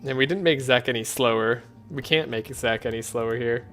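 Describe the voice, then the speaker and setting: A man streaming a card game, talking in a soft, relaxed, sleepy way with frequent chuckles. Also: medium pitch, brisk, faint music behind. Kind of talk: relaxed gameplay commentary.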